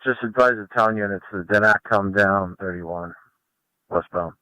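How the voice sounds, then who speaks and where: A man's voice: lowish voice, normal speed, pushed and bright, no echo. A man radioing in over police radio in procedural phrases. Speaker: officer on patrol radioing in. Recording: dull police radio transmission.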